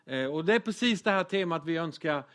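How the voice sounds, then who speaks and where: A man's voice: fairly high pitch, lively intonation, fairly bright tone. A man preaching a casual sermon, telling stories with humor and many fillers. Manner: chatty storytelling with humor and fillers. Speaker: pastor.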